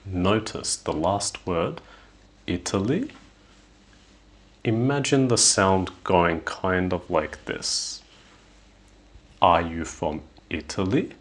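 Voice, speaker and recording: A young man giving a scripted English lesson, speaking slowly and deliberately and stretching out example phrases to show rising and falling tones. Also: low-pitched. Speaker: English teacher.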